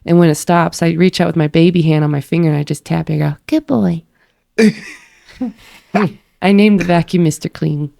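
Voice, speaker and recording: A woman's voice: low-pitched, fairly even intonation, fairly quick, vocal fry, long pauses, warm tone, no echo, clean studio sound. A woman, a haunted-attraction actor and podcast guest, casually telling stories about scaring visitors with a laugh.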